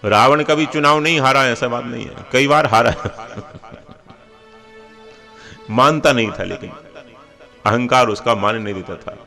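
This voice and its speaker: A man's voice: mid-range voice, measured pace, creaky, pauses often, pushed and bright, soft background music. A man preaching a devotional sermon, telling scripture stories in a homely, anecdotal way with humorous asides. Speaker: religious preacher.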